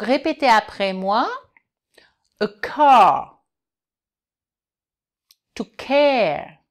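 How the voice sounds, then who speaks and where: Woman teacher, very slow and careful delivery, patient repetition of words for learners. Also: mid-range voice. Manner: patient, repeats words slowly and clearly for learners. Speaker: English teacher. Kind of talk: online language lesson.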